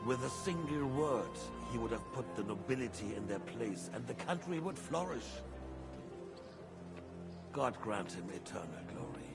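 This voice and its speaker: A man's voice: medium pitch, lively intonation, measured pace, gravelly, loud music behind the voice. An actor playing an imperious, embittered medieval king in a video game drama, speaking in a haughty, formal, commanding way. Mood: brooding, confiding.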